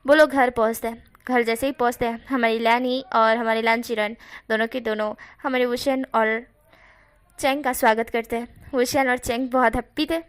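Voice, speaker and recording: A woman retelling a fan story in a chatty way, with slips and quick self-corrections. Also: a little high, fairly even intonation. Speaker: narrator.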